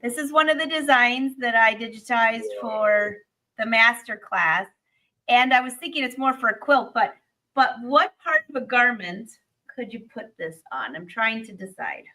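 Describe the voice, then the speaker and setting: A woman co-hosting a live-stream sewing demo, encouraging and quick to laugh. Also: fairly high pitch, expressive, pushed and bright, poor audio. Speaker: sewing ambassador, co-host.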